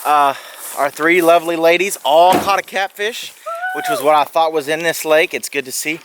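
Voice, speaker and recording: A man's voice: fairly high pitch, normal speed. A man hosting a casual fishing vlog outdoors by a lake, joking and coaching in a folksy way. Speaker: fishing guide and channel host. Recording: outdoor recording with background noise.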